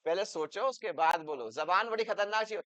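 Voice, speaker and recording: High-voiced man teaching grammar. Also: expressive, normal speed, muffled recording. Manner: explains in Hindi with English examples, calls listeners beta; rises loud and emphatic when making a point. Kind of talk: classroom lecture.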